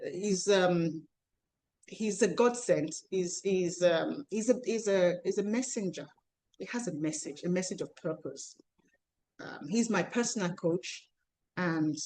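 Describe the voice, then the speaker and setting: A woman's voice: on the low side, measured pace, dark tone, slight background noise. A woman coach hosting an online relationship panel over a video call, talking in a chatty, rambling way with many restarts. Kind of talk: live online panel introduction.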